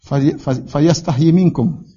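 A middle-aged man preaching a religious study lecture, reciting Arabic and explaining it, with animated storytelling and acted-out quotes. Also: a little high, slow, breathy edge. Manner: animated storytelling, acts out quoted lines in raised voice. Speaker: Islamic preacher teaching a book. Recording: dull lo-fi lecture recording.

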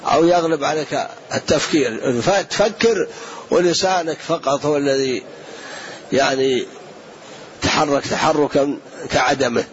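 A man's voice: fairly high pitch, a crowd in the background. Man answering questions in a lo-fi lecture recording. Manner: explanatory, measured, repeats points for emphasis. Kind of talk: religious lesson Q&A.

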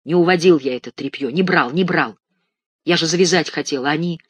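In a dry, close reading, a man gives voice to a loud, blustering male patient, a former thief who shouts and wheedles in indignation. The voice is raised and pitched high. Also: fairly quick, slightly rough, no room sound. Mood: aggrieved. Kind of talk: audiobook reading.

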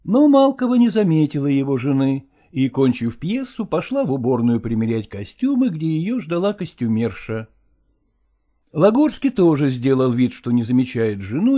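A man narrating a story in a calm, steady reading voice. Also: a little high, normal speed. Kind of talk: audiobook narration.

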